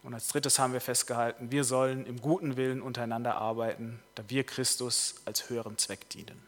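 A man preaching a sermon, telling a story in a lively way before summing up his points. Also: medium pitch, a little fast. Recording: long reverb of a large hall.

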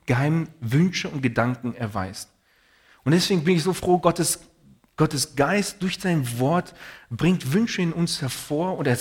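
A man's voice: a little high, breathy edge. A man preaching a sermon in an earnest, personal way, telling stories and reading Bible passages.

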